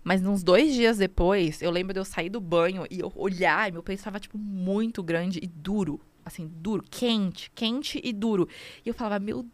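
A young woman, a new mother, telling her story casually in an interview, emotional and animated, acting out what she said to herself. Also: medium pitch, normal speed, dry recording. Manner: emotional, animated storytelling with quoted inner speech.

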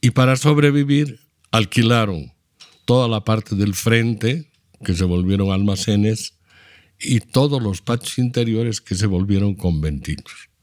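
A very low-pitched man in his seventies speaks with a Bolivian Spanish accent. He explains things at length in a measured, lecturing manner. The recording is close and dry. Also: darkish tone, no echo. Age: 70s. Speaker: interview guest, architect. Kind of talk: reflective storytelling.

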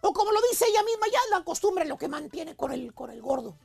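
A man voicing a cheeky male advice "maestro" in a comic radio segment, with a Mexican accent and rapid, mocking slang. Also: very high-pitched, sing-song, creaky, darkish tone, exaggerated voice. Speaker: radio comedy host.

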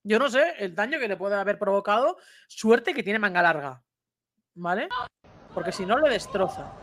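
A woman's voice: medium pitch, a bit bright. Woman explaining dog behavior casually. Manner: conversational, keeps checking in with "vale", explains step by step; imitates bite sounds and raises voice for emphasis. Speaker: dog trainer commenting on a video. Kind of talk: casual video commentary.

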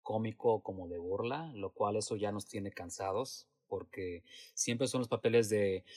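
A man with a somewhat low voice talks about his theater work in a casual interview. He is reflective and hesitant, restarting sentences and filling pauses as he thinks. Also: darkish tone. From Latin America. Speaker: theater actor and producer.

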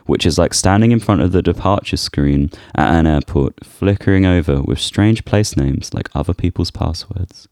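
A man's voice: sits low, normal speed, hardly any pauses, a little mellow, dry recording, studio quality. A man co-hosting a podcast, chatting casually and playfully, laughing easily. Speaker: podcast co-host. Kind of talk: casual chat.

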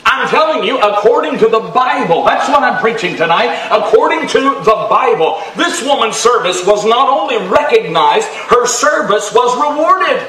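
A pastor preaching a fervent revival sermon in a church, often shouting. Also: male voice, extremely high pitch, big pitch swings, moderate pace, few pauses. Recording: echoey church from far off.

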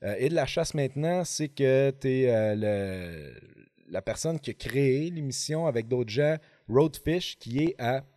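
Rambling podcast host. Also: male voice, medium pitch, animated, measured pace, warm tone, dry recording, studio quality. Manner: rambling, hesitant, many fillers and restarts, playful. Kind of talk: casual chat. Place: podcast studio in an office.

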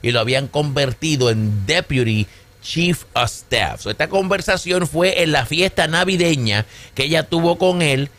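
A man hosting a podcast, giving animated political commentary and switching between Spanish and English. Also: a little high, normal speed. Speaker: podcast host.

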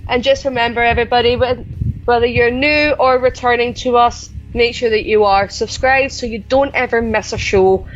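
A woman's voice: a little high, steady tone, moderate pace, highs cut off, a little hiss or hum. A woman with a mixed Edinburgh and Glasgow Scottish accent, hosting a podcast in a casual, chatty style. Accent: Scottish, Edinburgh and Glasgow mix. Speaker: podcast host. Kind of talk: casual chat.

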